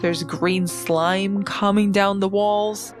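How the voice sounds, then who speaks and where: A woman's voice: medium pitch, steady tone, slow pace, music in the background. A woman hosting a podcast, reading scripted narration. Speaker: podcast host.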